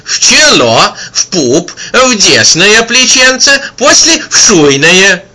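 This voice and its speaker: A man voicing an eager, fussy old peasant man who shouts out in excitement. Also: slow, heavily acted. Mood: excited. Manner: shrill, bursting exclamations.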